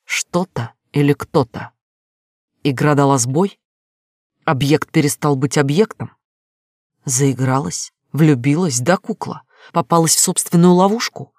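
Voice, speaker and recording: A man's voice: a little high, measured pace, no room sound, studio quality. Man reading as a furious jealous lover. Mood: taunting. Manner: harsh, taunting, shouting in rage.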